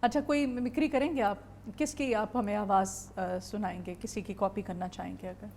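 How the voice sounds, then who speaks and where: A woman hosting a morning TV show, prompting a guest with lively questions. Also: mid-range voice, a little hiss or hum. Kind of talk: TV talk show interview.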